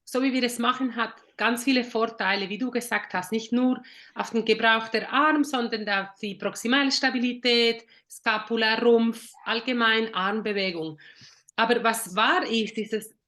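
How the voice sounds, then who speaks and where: A woman's voice: fairly high pitch, steady tone, normal speed, pushed and bright. A woman therapist in a casual journal-club discussion, thinking aloud with fillers and self-corrections.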